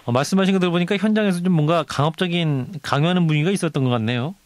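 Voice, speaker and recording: A man's voice: on the high side, very fast, no echo. A man hosting a news radio interview in a polite, formal manner.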